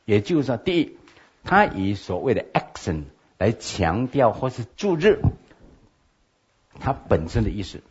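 Husky low-voiced man lecturing. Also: very animated, unhurried, a little mellow. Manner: asks listeners for assent with frequent OK. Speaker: pastor teaching logic. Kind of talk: lecture on logical fallacies. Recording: dull lo-fi lecture recording.

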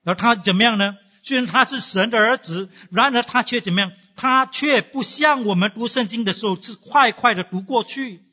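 A man's voice: very high-pitched, normal speed, hardly any pauses, pushed and bright, big-room sound, lo-fi sound. A man preaching a sermon, asking his congregation rhetorical questions and dropping English phrases into his talk. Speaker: pastor.

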